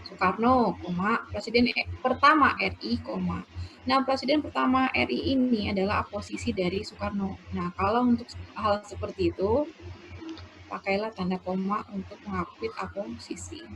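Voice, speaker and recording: A woman teacher giving a lesson, explaining slowly and dictating example sentences aloud. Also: medium pitch, fairly bright tone. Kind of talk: classroom lecture on punctuation. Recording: noisy background.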